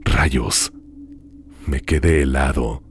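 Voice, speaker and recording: A man hosting a show, reading listener horror stories aloud in a dramatic, hushed storytelling manner with drawn-out pauses. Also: very deep voice, creaky, a little hiss or hum. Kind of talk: scripted horror narration.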